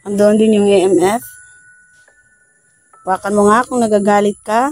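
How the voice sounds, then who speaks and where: A woman, a paranormal investigator vlogger, softly coaxing and pleading with spirits outdoors at night. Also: medium pitch, steady tone, moderate pace, soft background music. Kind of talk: casual ghost-hunting vlog. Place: outdoors at a bus depot at night.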